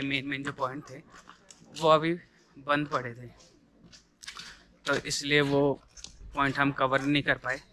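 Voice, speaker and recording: A man's voice: medium pitch, sharp tone. A young man on a travel vlog, filming himself at arm's length outdoors and chatting about his plans. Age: young adult. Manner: chatty, explains plans to viewers. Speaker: travel vlogger. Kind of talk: casual travel vlog narration. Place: outdoors on a hillside road. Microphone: camera held at arm's length. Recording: outdoor noise in the background.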